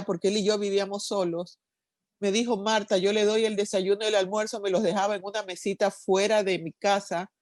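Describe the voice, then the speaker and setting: A woman's voice: fairly high pitch, darkish tone, no echo. Earnest middle-aged woman giving testimony. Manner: emotional, earnest storytelling, slowing on painful moments. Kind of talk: personal testimony at a prayer meeting.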